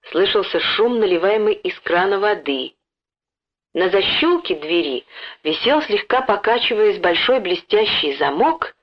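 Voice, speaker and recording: Woman narrating a story, lo-fi sound. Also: mid-range voice. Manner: lively, acts out the dialogue. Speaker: audiobook narrator. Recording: dull lo-fi recording.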